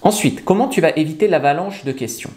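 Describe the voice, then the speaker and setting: A man's voice: a little high, animated, fast talker, a little mellow. A man coaching viewers on how to talk to women, speaking bluntly and emphatically straight to the viewer and sometimes acting out pickup lines. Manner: acts out nervous and confident pickup lines. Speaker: seduction coach. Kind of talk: direct-to-camera advice video.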